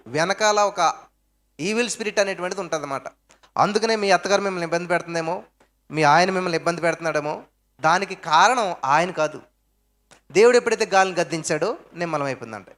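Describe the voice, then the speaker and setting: Man preaching w a high voice, keeps asking questions then answering them, punchy, loud then quiet. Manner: asks rhetorical questions and answers them himself; emphatic, swings between loud stresses and low asides. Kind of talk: sermon.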